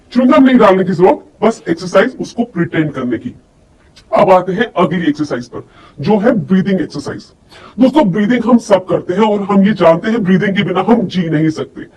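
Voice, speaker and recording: A woman with a lowish, slightly mellow voice gives an instructional lesson on voice and personality development. She addresses listeners directly, demonstrating and asking them rhetorical questions, and the recording comes from a distant microphone with faint background noise.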